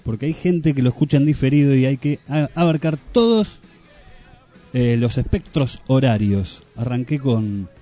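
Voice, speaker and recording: A man's voice: mid-range voice, lively intonation, normal speed, dark tone, soft background music. A man hosting a radio show in a studio with a Rioplatense accent, rambling and joking in casual banter. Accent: Rioplatense Spanish. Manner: rambling, playful, jokey asides. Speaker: radio host.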